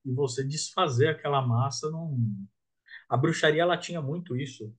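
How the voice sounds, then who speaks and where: This podcast guest has a fairly high, husky voice and a moderate pace. He's a man chatting casually and reflectively, frequently finishing thoughts with a questioning "né?".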